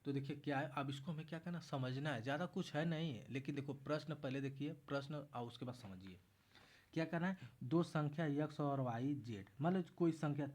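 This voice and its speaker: A man's voice: medium pitch, a little mellow. A man tutoring math in a casual exam-prep lesson, walking through each step and repeating himself as he explains.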